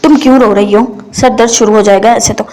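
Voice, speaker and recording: Narrator doing tearful elder-sister doctor, steady even delivery, novel reading. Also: female voice, a little high, lightly acted. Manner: choked, tearful, then firm.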